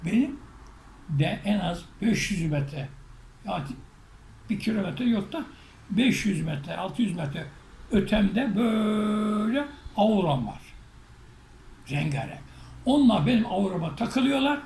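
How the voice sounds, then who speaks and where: Creaky, high-pitched man telling a story. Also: takes it slowly, pauses often. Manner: animated storytelling, acting out shouts and quotes. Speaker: spiritual teacher. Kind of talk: recounting a personal story. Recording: echoey room with faint noise.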